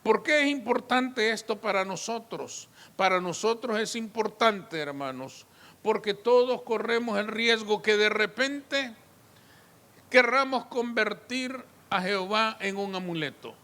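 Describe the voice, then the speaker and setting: A man's voice: high-pitched, animated, unhurried, bright, forceful tone, big-room sound. A man pastor preaching an emphatic sermon, often turning to address the congregation directly.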